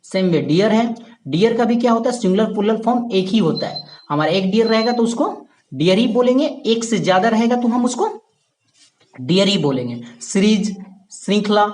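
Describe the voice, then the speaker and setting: A man's voice: high-pitched, darkish tone. A man teaching a basic grammar lesson who repeats key points, checks in with listeners and calls them his dear friends. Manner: addresses viewers as "my dear friend".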